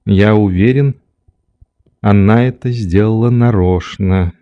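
A male narrator reading a classic novel aloud in a calm, measured way. His voice is mellow and dark, and he lets each sentence unfold slowly. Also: lowish voice, dull audio.

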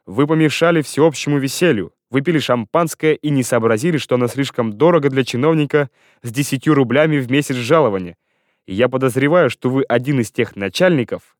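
A man reading aloud, voicing a drunk young writer who shouts angry accusations. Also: medium pitch, no room sound, studio quality, lightly acted. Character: drunk, furious young male newspaper writer.

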